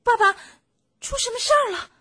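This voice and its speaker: A woman voicing frightened little fox cubs in a children's storybook reading, high and shrill. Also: moderate pace, fairly bright tone, no room sound, clean studio sound.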